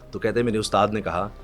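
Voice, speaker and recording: A middle-aged Pakistani man who works as a news anchor tells stories during a podcast conversation, performing quotes and slowly reciting poetry. His voice is lowish with a fairly bright tone.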